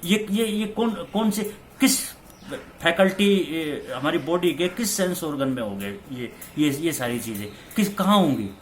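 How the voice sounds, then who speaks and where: A man's voice: fairly high pitch, lively intonation, measured pace, a little hiss or hum. A male teacher talking students through multiple-choice answers, repeating key terms and slipping in English phrases. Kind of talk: exam-question lecture.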